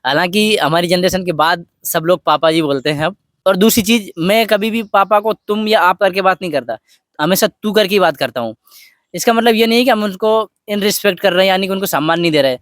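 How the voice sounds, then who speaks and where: A man talking softly and from the heart in a personal vlog, telling a story at an unhurried pace. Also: sits high, no room sound, clean studio sound. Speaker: vlogger. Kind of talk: personal reflective talk.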